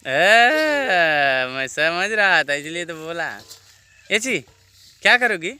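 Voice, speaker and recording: A man records a casual outdoor vlog beside farm fields, speaking in an unhurried way. His voice is bright and clean as he coaxes a little girl along. He slips simple English phrases in among his everyday talk. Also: fairly high pitch, expressive, clear, resonant tone. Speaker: vlogger.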